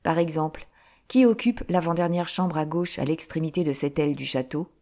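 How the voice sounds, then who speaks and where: A calm, dry-witted young adventurer, read by a woman in her own low, mellow voice. He speaks evenly and unhurriedly. He is an audiobook hero who stays composed. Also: fairly quick.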